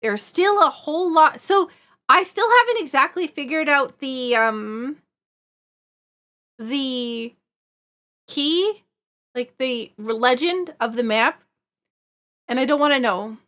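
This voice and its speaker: A woman's voice: high-pitched, slow pace, pauses often, sharp tone. A woman streamer chatting casually to herself and her viewers while playing a video game. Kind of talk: casual live gameplay chat.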